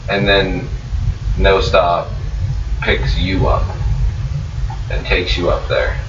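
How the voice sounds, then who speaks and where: A man narrating as dungeon master at a tabletop game, slow and grim, with swearing. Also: low voice, distant mic. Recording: roomy, muffled, noisy recording from off mic.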